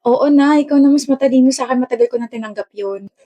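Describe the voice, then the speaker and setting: Girl doing a cool, guarded young student, kinda high voice, short clipped lines. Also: quick pace, warm tone. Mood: curt. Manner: terse and cool, code-switching Taglish. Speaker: student in a romance drama. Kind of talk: web drama acting.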